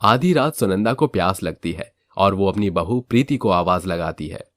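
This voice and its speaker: A man narrating a cartoon family story in an even storytelling tone. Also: sits low, moderate pace, no echo.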